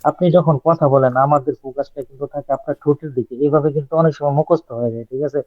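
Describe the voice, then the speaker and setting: A man with a fairly high voice speaks earnestly to his teacher over a video call. The audio sounds dull and muffled, and very dry, with no room echo. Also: steady tone, fast. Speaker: student. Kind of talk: online class discussion.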